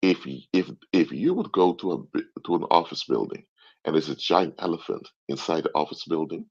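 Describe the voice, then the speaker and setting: He speaks briskly in a very deep, gravelly voice, an anthropologist hosting a casual live stream monologue. Originally from Curaçao and raised in the Netherlands, he grew up with Papiamento and Dutch, and his explanations often loop back through repeated or restarted phrases. The recording is dull, low-fidelity stream audio.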